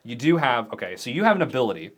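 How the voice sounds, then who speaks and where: A man running a tabletop game as game master, narrating the scenes in a vivid, animated way. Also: mid-range voice, very fast.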